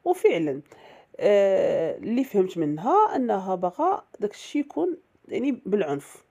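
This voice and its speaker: A woman's voice: medium pitch, very animated, a little fast, dark tone. A woman with a Moroccan accent narrating a first-person story in a chatty way, with many fillers and restarts.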